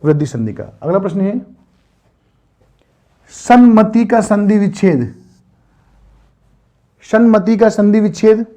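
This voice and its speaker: A man with a high voice teaches an online grammar lesson. He quizzes his students again and again and answers each question himself, patient and methodical. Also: lively intonation, slow, long pauses, warm tone.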